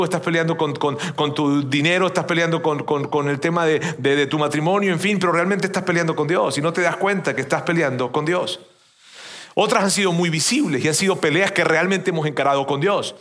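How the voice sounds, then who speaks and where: A man's voice: fairly high pitch, a bit bright. A man in his fifties from Venezuela, a pastor giving a conversational sermon to his congregation, often repeating words and checking in with "you know?". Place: church before a congregation.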